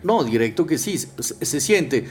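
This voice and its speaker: A man's voice: on the high side, sing-song, normal speed, darkish tone, faint music behind. A man from Guatemala, hosting a casual chat, explaining at length and often adding "o sea" and "¿me entiendes?".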